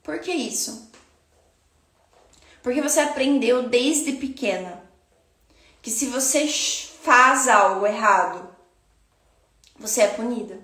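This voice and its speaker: Slow, high-voiced woman teaching spirituality. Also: bright, forceful tone, reverberant. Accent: Brazilian Portuguese. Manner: slow, reflective, addresses listener directly. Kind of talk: spiritual self-help talk.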